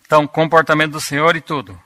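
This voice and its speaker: A man preaching a Bible-teaching sermon, deliberate and repeating key words for emphasis. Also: a little high, little pitch movement, bright, forceful tone.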